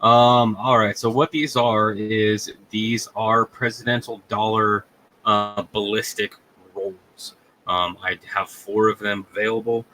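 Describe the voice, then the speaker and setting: Guy selling coins on a live stream, low flat voice, bright edge, lots of ums, faint hiss behind. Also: poor audio. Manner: halting, many ums and uhs. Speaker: live sale host.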